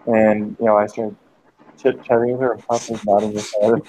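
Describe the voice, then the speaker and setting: A man's voice: on the low side, level tone, a little fast, warm tone, slight background noise. A man telling a long, rambling, profane story in a casual group voice chat, breaking off now and then to snap at friends who interrupt him. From United States. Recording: dull lo-fi voice chat audio.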